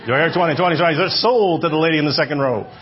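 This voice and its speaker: Racing along with a fairly high-pitched voice, a preacher in his fifties addresses his church in a conversational sermon. He repeats phrases and asks the congregation questions, captured on dull, lo-fi audio.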